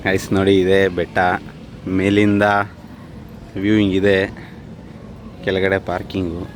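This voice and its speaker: A man's voice: low-pitched, flat delivery, measured pace, background noise. A man chatting casually to the camera on a temple road trip with friends, joking as he walks around outdoors. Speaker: vlogger. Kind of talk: casual travel vlog chat.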